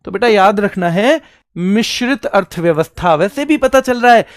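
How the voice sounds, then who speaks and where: A man's voice: sits high, lively intonation, normal speed, dry recording, studio quality. A male exam coaching teacher giving an online exam-prep lecture, quizzing students and answering his own questions. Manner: quizzing students, calling them beta and bhaiya.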